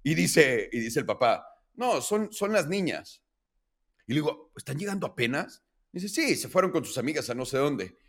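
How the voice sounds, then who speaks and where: A Mexican-accented man in his late 30s speaks fairly quickly in a mid-range voice while co-hosting a casual podcast. He tells animated stories loaded with slang and swear words.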